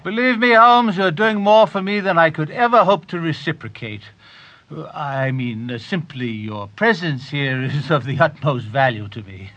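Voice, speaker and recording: An actor playing a pompous, long-winded Victorian doctor and narrator in a comic audio theater parody, speaking in wordy, stuffily formal phrases. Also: male voice, a little high, animated, moderate pace, fairly bright tone, highs cut off. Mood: eager, flustered.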